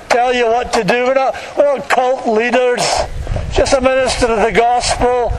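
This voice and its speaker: A man preaching in the open air to passers-by, exhorting them in a colloquial, repetitive way. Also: very high voice. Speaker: street preacher. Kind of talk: open-air evangelistic sermon, addressing passers-by. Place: outdoors in a public street. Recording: outdoor street recording with faint traffic noise.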